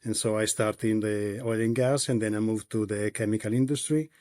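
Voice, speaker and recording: A company executive from Italy, speaking with an Italian accent, answers interview questions haltingly, with many pauses and restarts. His voice is lowish, steady and a little mellow, recorded at studio quality with no echo.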